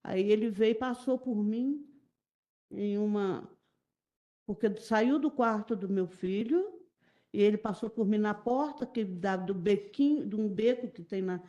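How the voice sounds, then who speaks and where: A middle-aged Brazilian woman giving halting, repetitive, emotional testimony as a witness in a courtroom. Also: medium pitch, dark tone, lo-fi sound. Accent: Brazilian Portuguese. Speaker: witness testifying in a jury trial.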